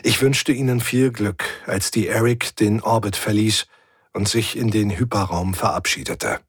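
A man narrating a first-person science-fiction audiobook in a calm, measured, reflective way. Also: fairly low pitch, breathy edge, no room sound, clean studio sound.

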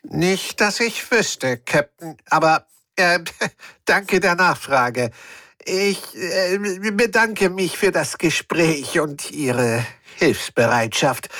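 Casting: a man playing a jittery alien starship captain, bright voice, lively swooping pitch, stammering politeness. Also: no echo, studio quality, full character voice. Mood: evasive. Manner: flustered, stammering, overly polite. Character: nervous evasive alien captain with a trunk.

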